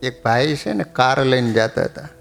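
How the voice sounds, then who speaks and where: A man preaching a sermon, telling humorous stories and chanting verses slowly. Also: medium pitch, vocal fry, a bit bright, faint music behind. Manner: storytelling, quotes verses in slow chant.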